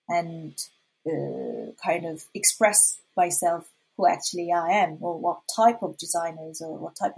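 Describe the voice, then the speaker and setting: A Korean woman whose first language is Korean answers interview questions as a freelance designer, speaking with a Korean accent and halting through many fillers and restarts. Her lowish voice is gravelly and darkish with a breathy edge, and the audio is poor.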